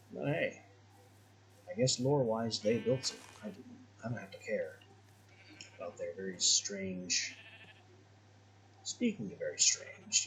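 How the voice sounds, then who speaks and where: A man's voice: fairly low pitch, bright, forceful tone, slight background noise, poor audio. A man giving casual let's-play commentary as a gaming host, musing aloud in a wry, conversational way.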